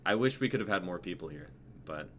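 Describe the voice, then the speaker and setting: A young adult man hosting a livestream signs off with casual chat, speaking fast and animated in a voice that sits low. Background noise comes through the livestream audio.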